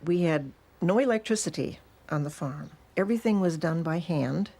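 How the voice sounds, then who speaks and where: An older woman from Minnesota, a retired teacher, slowly recalling her past. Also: on the low side, lively intonation, dark tone, breathy edge. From Minnesota, USA. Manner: slow, reflective storytelling. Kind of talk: recalled life story interview.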